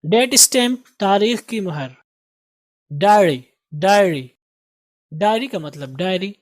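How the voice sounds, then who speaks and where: A man's voice: sits high, lively intonation, no room sound. Guy with indian urdu accent teaching english words, says each one over and over, dry sound. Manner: drills words with slow repeated pronunciation. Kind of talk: recorded lesson.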